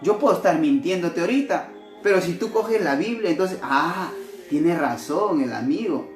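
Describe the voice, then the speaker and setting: A male missionary preacher delivering a devotional sermon in an animated way, often asking his listeners rhetorical questions. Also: high-pitched, moderate pace. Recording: echoey room with faint music.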